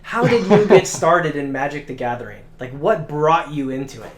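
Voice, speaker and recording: A man's voice: fairly high pitch, expressive, normal speed. A man hosting a casual interview in an easygoing way, laughing along with his guest. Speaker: host. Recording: roomy echo.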